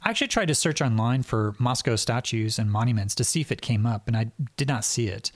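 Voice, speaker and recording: A male interviewer with a medium-pitched voice asks thoughtful, appreciative questions. The recording is dry and close. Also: animated, fast, no room sound.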